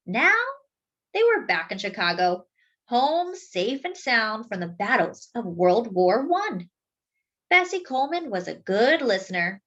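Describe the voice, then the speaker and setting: A woman whose voice sits fairly high reads a children's book aloud in storyteller fashion. She narrates expressively, chooses her phrasing deliberately, and draws words out for emphasis, all on a muffled recording.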